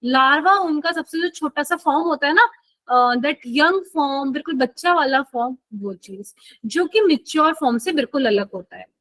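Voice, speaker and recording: A woman with a high, light voice teaches a live online biology class. She speaks casually and keeps checking whether her students are following. Her voice is picked up dry and close, with no room sound. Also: animated, moderate pace, fairly bright tone, dry recording, poor audio. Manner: chatty, checks in with students often.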